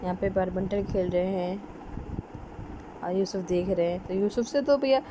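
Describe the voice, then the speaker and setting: A woman's voice: mid-range voice, steady tone, moderate pace, background noise. A mother chatting straight to viewers as she films her children on an outing in an outdoor park, recorded on a handheld phone. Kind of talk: casual vlog narration.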